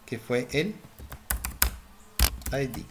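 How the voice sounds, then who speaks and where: Speaking extremely slowly in an expressive, mid-range voice, a male programming instructor leads a screen-recorded coding lesson over soft background music. He narrates his thoughts as he types, often checks in with "¿cierto?", and his noisy home recording also picks up keyboard typing and clicks.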